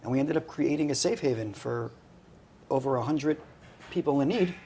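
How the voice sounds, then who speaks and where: A man's voice: mid-range voice, normal speed, mellow. Earnest man speaking plainly, faint noise. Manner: earnest, plainspoken, many "you know"s. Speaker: charity CEO, guest. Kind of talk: casual talk-show chat. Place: restaurant.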